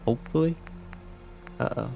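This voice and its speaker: A man's voice: moderate pace, warm tone, soft background music. A man streaming a game, muttering to himself and reading out dialogue choices as he plays. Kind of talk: gameplay commentary.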